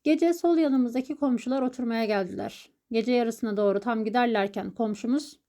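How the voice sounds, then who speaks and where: Woman reading an audiobook, mellow kinda high voice, steady storytelling. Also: normal speed. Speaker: audiobook narrator. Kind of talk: scripted audiobook narration.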